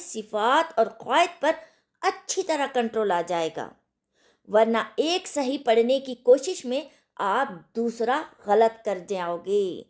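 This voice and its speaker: A woman teaching an online recitation lesson, repeating sounds slowly and checking whether her students understood. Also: a little high, a little mellow. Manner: slow, deliberate, repeats sounds for practice; asks the class if they understood.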